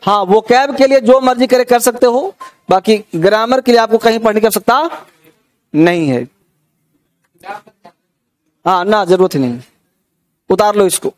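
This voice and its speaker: A man with a high voice leads a grammar class. He keeps asking whether everyone has understood and urges students to write quickly. His English words carry an Indian accent. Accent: Indian English words in Hindi. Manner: repeats checks for understanding, coaxing students. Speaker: teacher.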